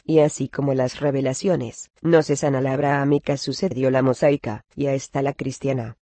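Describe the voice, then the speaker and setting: A man reading religious commentary and scripture passages aloud at a measured, even cadence. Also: mid-range voice, dry recording. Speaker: reader of a religious text.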